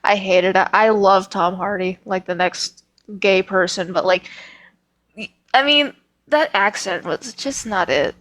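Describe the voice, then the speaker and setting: A woman's voice: medium pitch, unhurried, fairly bright tone, low-quality recording. A woman co-hosting a casual podcast chat, telling stories with emphatic, opinionated views. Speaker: podcast co-host.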